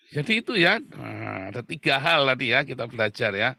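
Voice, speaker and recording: A middle-aged man preaching a casual, joking sermon, dropping to low murmurs and then shouting out loud. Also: creaky, no echo, clean studio sound. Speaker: pastor.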